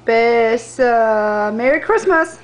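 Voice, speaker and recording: A woman's voice: fairly high pitch, animated, poor audio. A woman filming a home video at Christmas indoors, coaxing her toddler to repeat words and switching between languages. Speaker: mother filming her small children.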